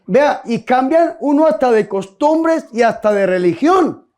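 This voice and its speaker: A man's voice: extremely high pitch, expressive, measured pace, a little mellow. A priest giving a humorous sermon, telling folksy stories and asking his listeners direct questions.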